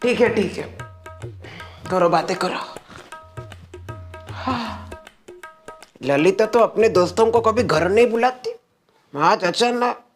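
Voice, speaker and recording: A woman playing a suspicious, nosy father-in-law in a comedy sketch, asking slow, probing questions. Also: mid-range voice, music in the background, lightly acted.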